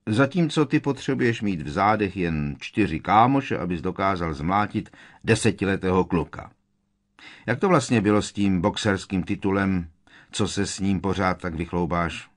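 A man voicing a sharp-tongued, defiant teenage boy who needles with sarcasm. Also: deep voice, lively intonation. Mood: sarcastic.

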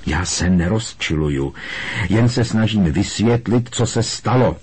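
A man reading an audiobook, voicing an agitated teenage boy who pleads and shouts urgently. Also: fairly low pitch, expressive, breathy edge.

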